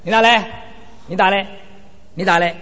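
A man's voice: sits high, steady tone, moderate pace, sharp tone, pitched below the performer's own voice. A man playing a brash male ring master who mockingly challenges the crowd one by one. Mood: taunting. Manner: teasing, mocking, repetitive challenges. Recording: reverberant hall, dull lo-fi sound.

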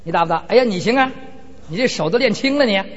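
A man's voice: high-pitched, expressive, fast. A man doing a taunting ring master. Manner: teasing, mocking, repetitive challenges. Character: brash male martial arts ring master, taunting crowd. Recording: reverberant hall, dull lo-fi sound.

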